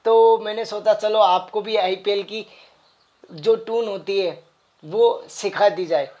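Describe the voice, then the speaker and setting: A man teaching the flute in a casual, chatty way, explaining quickly between sung note syllables. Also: high-pitched, fairly even intonation, darkish tone, muffled recording. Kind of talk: casual music tutorial.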